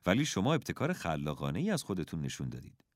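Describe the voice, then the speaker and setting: A calm, patient teacher father, as a man reading a storybook puts him on. He sounds gentle and encouraging, with a lively rise and fall. The voice sits fairly low and sounds dry and close. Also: dry recording. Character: calm kindly father, a schoolteacher.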